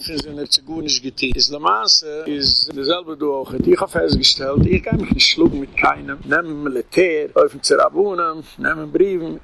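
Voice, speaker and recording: A man's voice: on the high side, vocal fry, bright, forceful tone, slight background noise. A man with a Yiddish accent, a rabbi giving a rambling lecture and slipping English words in.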